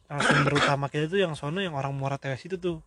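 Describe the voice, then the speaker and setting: A man's voice: fairly high pitch, fairly bright tone, no room sound. A man co-hosting a podcast in casual chat, slangy and joking. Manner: slangy, joking, quick back-and-forth. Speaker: podcast co-host.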